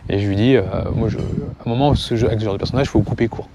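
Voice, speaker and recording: A man telling a personal story to camera in a casual way, stopping calmly to give viewers advice. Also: on the low side, very fast, dull audio, noisy background. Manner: calm, advice-giving aside to viewers. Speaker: family and parenting vlogger.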